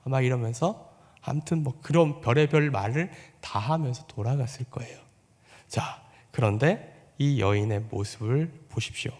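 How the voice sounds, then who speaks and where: A man preaches a sermon as pastor, putting on the voices of people in the story and asking his congregation questions. His voice is a little mellow at a moderate pace, with a long reverb tail. When acting out quoted voices, his pitch and volume rise.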